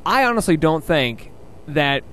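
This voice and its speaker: A man's voice: fairly high pitch, very animated, unhurried, fairly bright tone, a little hiss or hum. A man co-hosting a radio talk show, rambling through stories with many restarts and fillers. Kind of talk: casual on-air chat.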